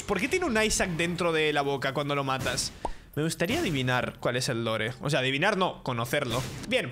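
Lively high-voiced gaming commentator. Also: male voice. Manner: playful, theatrical, talks to game characters. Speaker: gaming YouTuber. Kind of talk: gameplay commentary.

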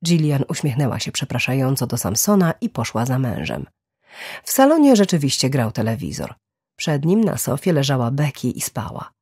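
A woman narrating a crime thriller audiobook in a lively reading voice. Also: rumbling low, moderate pace, husky, no echo, clean studio sound.

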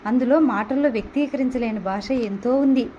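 Narrator: woman, Telugu accent, gentle storybook reading, voice on the higher side. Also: fairly quick, lo-fi sound, a little hiss or hum. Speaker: audio novel narrator.

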